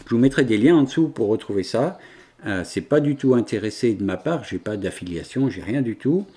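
A French woodworker and YouTuber in his forties explains his machine setup in a large indoor wood workshop, casual and hesitant with many fillers. His mid-range, dark-toned voice is animated and a little fast.

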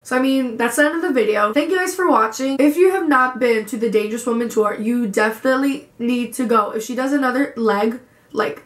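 A young woman vlogger tells a story in a gushing, casual way, saying "like" a lot. Her voice is on the high side and brisk, with a roomy sound.

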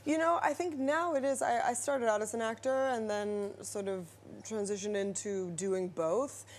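A woman in her thirties from Denmark, an actress and writer, talking in a relaxed, thoughtful way with many fillers as a guest on a TV studio interview. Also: medium pitch, normal speed, slight background noise. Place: TV news studio. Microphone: lapel mic.

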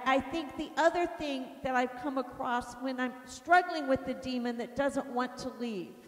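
A woman minister teaches with lively, animated storytelling and acts out what others said. Her voice sits high and bright, and it rings through a large hall with a long reverb. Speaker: deliverance minister teaching a class. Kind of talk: teaching sermon with personal stories.

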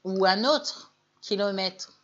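A woman with a medium-pitched voice runs a French-language live stream teaching English. She talks with viewers, reads out their names, offers gentle corrections, and pronounces the English example phrases slowly, all in a muffled recording.

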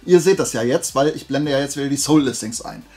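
Quick-talking and a bit mellow, this medium-pitched man presents his flea market finds in a show-and-tell haul video. He chats casually and colloquially like an excited collector, asking himself questions as he goes.

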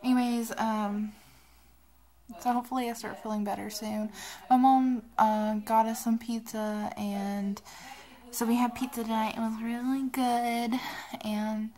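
A woman's voice: a little high, a little mellow. A woman in her twenties rambling casually to camera in a vlog, sounding sick, tired and drowsy. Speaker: vlogger. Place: small cluttered bedroom, indoors.

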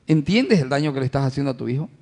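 A man's voice: medium pitch, lively intonation, very fast, gravelly, darkish tone. A male pastor preaching a sermon to his congregation, addressing them as brothers, asking rhetorical questions and acting out everyday family scenes.

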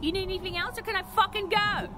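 A woman's voice: extremely high pitch, steady tone, fast talker. An actress voicing a rude, snappy female alien townsperson in a video game, hostile and swearing. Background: game music.

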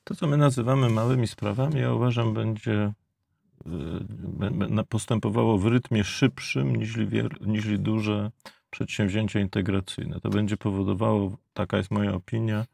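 A man in his fifties with a Polish accent, a debate guest who speaks in a measured way with stammering restarts, on a lapel mic in a studio. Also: on the low side, steady tone, creaky, a little mellow, dry recording. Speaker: debate guest, geopolitical analyst. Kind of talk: panel debate. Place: studio with blue backdrop.

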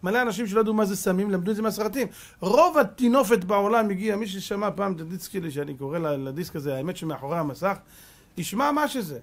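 A man in his fifties delivers a Torah sermon as a rabbi, firing rhetorical questions at his listeners. His voice is husky and sits a little high. He scolds and swings between hushed asides and emphatic lines. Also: animated. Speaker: rabbi giving a lecture.

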